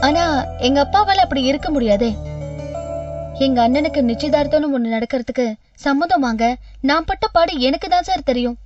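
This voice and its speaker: An earnest, pleading family-minded woman in her thirties, very high voice, serial drama with distant, dull sound and music behind. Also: animated, brisk, pauses often. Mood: pained. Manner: pleading, respectful, repeatedly says "sir". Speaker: lead character in a TV serial. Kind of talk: television serial acting. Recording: distant dull TV audio with background score.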